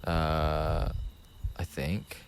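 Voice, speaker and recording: Young male co-host, deep voice, rambly casual storyteller, noisy recording. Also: drawn-out words. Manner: rambling, relaxed storytelling with many fillers. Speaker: podcast co-host. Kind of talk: casual chat.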